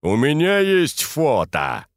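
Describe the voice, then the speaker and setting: A man voicing a polite, wistful Japanese guest who speaks slowly and softly, in an audiobook. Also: on the high side, huge pitch swings, no room sound, voice pushed up, heavily acted. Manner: slow, soft, measured.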